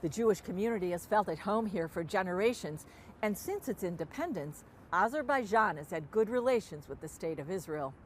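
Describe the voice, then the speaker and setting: Woman, medium pitch, news reporting, noisy location. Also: expressive, brisk. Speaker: news correspondent.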